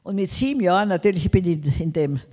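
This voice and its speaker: An older woman from Tyrol, Austria, with a Tyrolean accent, preaches a sermon emphatically, drawing out her words and calling out Amen and Hallelujah. Her lowish, warm voice is animated and fast, trailing a long reverb.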